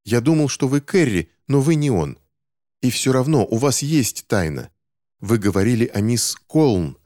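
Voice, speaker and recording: A man's voice: medium pitch, sing-song, a little slow, warm tone, no room sound, clean studio sound, pitched above the performer's own voice. A man reading an audiobook, voicing a young boy who is angry and distrustful of adults and speaks in a heated, accusing way. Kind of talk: audiobook character voice.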